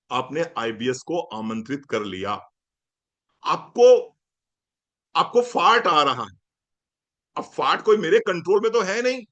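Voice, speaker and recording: A man's voice: on the high side, fairly bright tone. A man with an Indian accent, a doctor giving a humorous, conversational health lecture and often asking his listeners questions. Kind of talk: lively health lecture to an audience.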